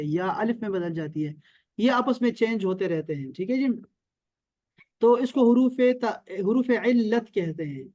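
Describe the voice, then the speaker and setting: High-voiced man teaching over a video call. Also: mellow, no echo, muffled recording. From Pakistan. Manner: repeats key terms, checks understanding often. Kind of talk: online Arabic and Quran lesson.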